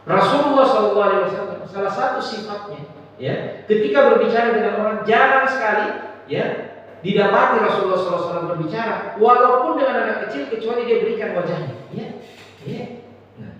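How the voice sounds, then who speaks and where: A male preacher, his fairly high voice picked up far off in a large, strongly echoing mosque hall. He talks to the congregation in a relaxed, friendly way, dropping in little tag words and soft laughs. The recording is slightly dull, with a faint hiss underneath. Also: quick pace. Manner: conversational, often adds "ya" and laughs at own anecdotes. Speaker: Islamic preacher. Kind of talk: mosque sermon on parenting. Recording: echoey hall, distant mic, dull sound, faint noise.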